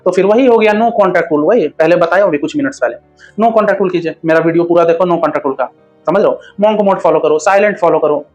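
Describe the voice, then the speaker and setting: A man's voice: on the high side, brisk, darkish tone, lo-fi sound, soft background music. A man hosting a relationship advice talk, speaking bluntly and crudely, scolding viewers like a brother.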